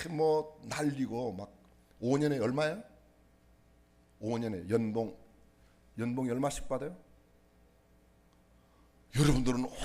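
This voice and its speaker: Playful, husky-voiced Korean pastor. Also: male voice, mid-range voice. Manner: playful, teasing, asks the audience questions. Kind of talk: humorous sermon with jokes and questions to the congregation. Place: church sanctuary.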